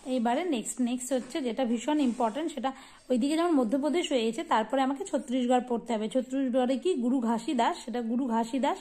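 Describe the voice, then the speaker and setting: A young woman teaching a casual exam-prep lesson. She poses questions and answers them herself, and tosses in memory tricks. Her voice sits fairly high. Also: fast talker, warm tone. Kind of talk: informal geography lesson over a map.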